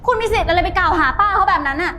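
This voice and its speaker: Indignant, very high-voiced young woman. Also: expressive, very fast, music in the background. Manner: indignant, loud. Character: young woman defending an old vendor, indignant.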